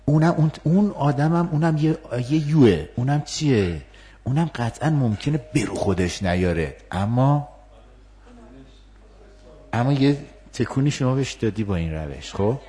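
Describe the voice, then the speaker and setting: A man teaching a communication workshop, talking in a lively, questioning way with many fillers. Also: mid-range voice. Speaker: workshop trainer. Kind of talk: interactive communication lesson.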